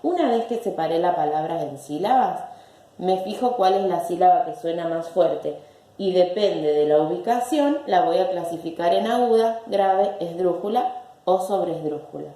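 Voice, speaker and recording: A woman's voice: lowish voice, animated, moderate pace, dark tone, roomy sound. A woman teacher giving a recorded language lesson, patiently repeating words syllable by syllable.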